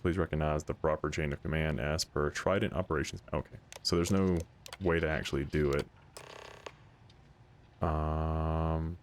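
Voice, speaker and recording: Deep-voiced man doing gameplay commentary. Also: vocal fry, a little hiss or hum. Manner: irreverent, blunt, slangy. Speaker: gaming video host.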